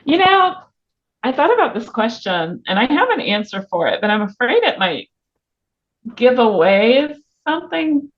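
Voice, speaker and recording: On a book podcast, a woman appears as an author guest in a casual interview, speaking informally and a little hesitantly as she thinks aloud. Her voice is on the high side with big pitch swings and a moderate pace. The audio is muffled and band-limited.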